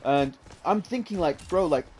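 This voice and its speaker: A man's voice: on the high side, expressive, moderate pace, a little mellow. A young man casually telling a long story about an online game, rambling with lots of fillers and calling the listener "bro". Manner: rambling, fillers like "what's it called", says "bro".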